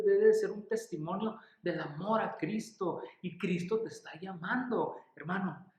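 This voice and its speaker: A man preaching a sermon in Mexican Spanish, earnest and pleading, often calling listeners dear and brother. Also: a little high. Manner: earnest, pleading, repeats key phrases; calls listeners "querido" and "hermano". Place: church. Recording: echoey church room.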